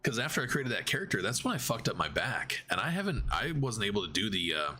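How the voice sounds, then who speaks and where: Deep-voiced swearing gaming streamer. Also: male voice, very animated, fast, sharp tone, a little hiss or hum. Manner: rambling, swears freely. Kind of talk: casual gameplay commentary.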